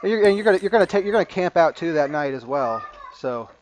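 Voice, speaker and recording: A man's voice: fairly high pitch, lively intonation, a little hiss or hum. A man narrating a tabletop game as game master, often repeating words as he works things out. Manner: halting, repeats words while thinking.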